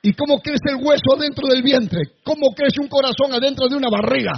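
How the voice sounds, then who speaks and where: A male pastor preaching a sermon to a congregation, with sudden shouted bursts. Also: very high voice, a little fast, vocal fry, dull audio, noisy background. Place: church before a congregation.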